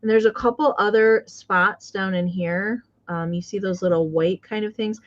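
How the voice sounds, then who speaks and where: A woman's voice: mid-range voice, steady tone, moderate pace, muffled recording. A woman co-hosting a live vintage sale, talking casually with many fillers as she describes a piece. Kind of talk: live auction selling.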